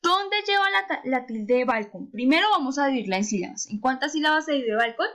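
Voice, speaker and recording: A primary school teacher gives a remote lesson to young children, patiently asking rhetorical questions and drawing out words to stress their syllables. Her voice is high, expressive, and a bit bright, and she talks fast.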